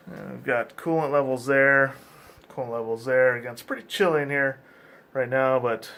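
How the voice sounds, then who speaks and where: Male boat crew member, mid pitch, informal tour delivery, practical and matter-of-fact, explaining hands-on in an engine room. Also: fairly bright tone. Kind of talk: informal explanatory walk-through.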